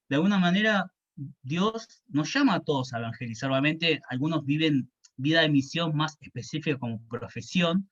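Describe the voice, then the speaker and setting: A man giving a personal faith testimony, halting and reflective, often repeating words. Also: mid-range voice, dull audio. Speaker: student evangelist.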